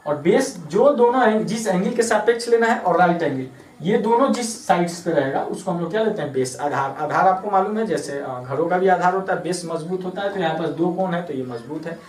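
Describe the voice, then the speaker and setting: A man's voice: sits high, lively intonation, a little fast. A man from Bihar teaching a maths lesson at a board, patiently repeating terms and spelling words out letter by letter. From Bihar, India. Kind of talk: classroom lesson explaining at a board. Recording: echoey room, voice from a distance.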